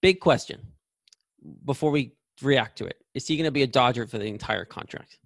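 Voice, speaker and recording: A man in his late twenties speaks in a casual podcast chat, laying out blunt, opinionated arguments. His voice sits at a middle pitch and sounds dry and close, with no room echo. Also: fairly quick. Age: 20s. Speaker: podcast co-host.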